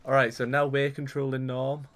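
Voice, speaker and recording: Young guy chatting over his gameplay, rambly, gets excited fast. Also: medium pitch, slight background noise. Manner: chatty, rambling, excitable when things go wrong. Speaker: gaming YouTuber. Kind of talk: casual gameplay commentary.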